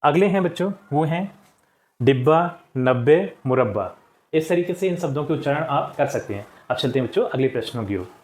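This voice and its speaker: A man's voice: a little high, fast, hardly any pauses, a little mellow. A man teaching a children's class, walking step by step through textbook exercises, patient and repeating each answer. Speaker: school teacher. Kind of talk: explaining a textbook lesson to children.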